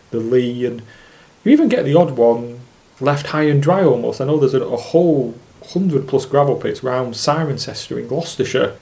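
A man's voice: mid-range voice, creaky, dark tone. A man from Lancashire, explaining things off the cuff in a musing, loosely structured way as an interview guest. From Lancashire, England. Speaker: podcast guest, specimen angler.

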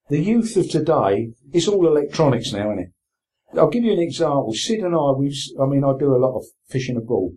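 A veteran sea angler in his sixties from Essex, England, speaks as an interview guest in a medium-pitched, darkish voice. He talks casually and plainly with an Essex accent and colloquial turns of phrase, and the recording is rough.

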